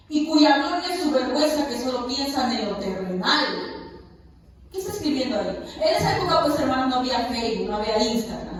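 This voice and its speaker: A woman preacher giving a sermon, emphatic and questioning her congregation. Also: high voice. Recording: echoey hall, far from mic, faint hiss.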